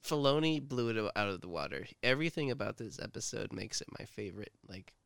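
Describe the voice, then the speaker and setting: Man, casual co-host, rambling, filler-heavy, gravelly, dry close sound. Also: lowish voice, lively intonation, quick pace, fairly bright tone, dry recording. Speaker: podcast co-host. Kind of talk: casual fan discussion.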